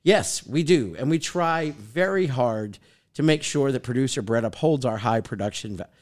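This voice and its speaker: A man's voice: medium pitch, animated, moderate pace. A man co-hosting a sports podcast, joking around and reading out viewer comments. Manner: upbeat, jokey, reads out viewer comments. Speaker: podcast co-host. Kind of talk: casual sports podcast chat.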